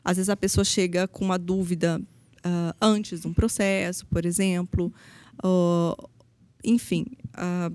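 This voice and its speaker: A guest on a podcast, this federal public defender from Paraná, Brazil, explains what she does with earnest intent and many pauses. Her lowish, darkish voice stays steady at a measured pace, with no room sound in the recording.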